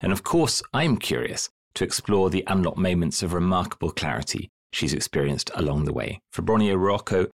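A man hosting a podcast interview, speaking in a measured, polished way. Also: low voice, gravelly. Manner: measured, polished delivery with lively intonation. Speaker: podcast host and coach.

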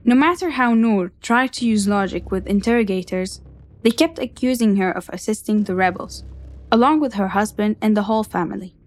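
Woman doing scripted documentary narration, calm and measured. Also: mid-range voice. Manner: measured, even storytelling.

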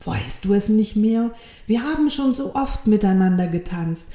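A woman's voice: medium pitch, expressive, normal speed, warm tone, lightly acted. A woman voicing a kind, loving friendly soul in a storybook reading, speaking in a reassuring, lilting way. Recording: roomy echo.

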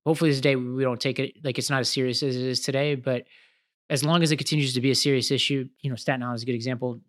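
A man's voice: mid-range voice, fairly even intonation, rapid-fire. A man co-hosting a podcast, talking casually and with energy, explaining ideas through stories with many fillers. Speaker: podcast co-host.

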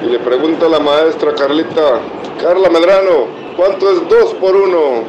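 A man slowly delivering a joke. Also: fairly high pitch, roomy sound, highs cut off, background noise. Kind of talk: telling a joke.

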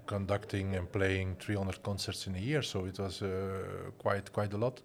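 A Flemish man in his forties, a Dutch speaker from Belgium, talks about his career in a casual interview, his voice low, gravelly and fairly even at a moderate pace. A design school director and musician, he's hesitant, full of fillers and restarts.

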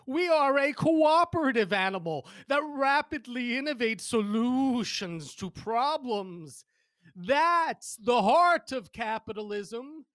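A woman voicing a stern, moralizing ghost in a comic audio sketch, speaking in a slow, deliberate, lecturing way. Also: fairly high pitch, animated, no room sound.

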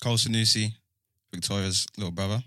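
A man's voice: lowish voice, steady tone, quick pace, sharp tone, no echo, studio quality. A young man with a London accent, chatting casually as a podcast guest in a teasing, slangy way.

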